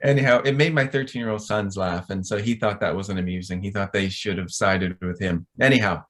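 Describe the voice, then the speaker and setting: A middle-aged man with a fairly low voice gives a conference talk over a video call. He is chatty and rambling, with a self-deprecating manner. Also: brisk, fairly bright tone. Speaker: conference speaker.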